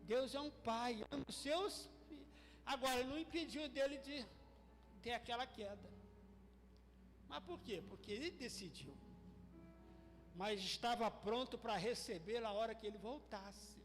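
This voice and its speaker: Man, Brazilian Portuguese accent, pastor, fervent sermon, shouts and hushed asides, long church reverb. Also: extremely high pitch. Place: church hall during a service. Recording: reverberant church hall with faint music.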